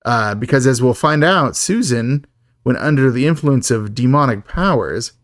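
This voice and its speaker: A man's voice: medium pitch, expressive, normal speed, no room sound, clean studio sound. A man co-hosting a podcast, recapping a film in a chatty, joking way and laughing often. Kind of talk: casual chat.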